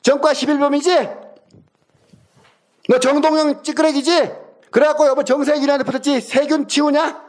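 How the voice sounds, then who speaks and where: Shrill, insulting middle-aged man. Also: steady tone, moderate pace, long pauses. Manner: abusive, hurls insults and taunting questions. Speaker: older brother. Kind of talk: heated phone argument.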